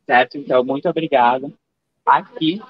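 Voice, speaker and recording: A young man in his twenties reporting live from an outdoor book fair with a handheld mic, asking brisk short questions. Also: mid-range voice, muffled recording. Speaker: field reporter. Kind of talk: live on-site reporting and interviews.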